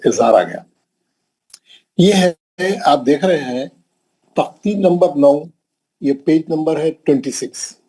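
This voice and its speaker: A man's voice: medium pitch, warm tone, slightly rough, rough recording. A man teaching Quran recitation rules in a classroom lesson, patiently repeating each example and drilling the pronunciation. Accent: Hyderabadi. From India.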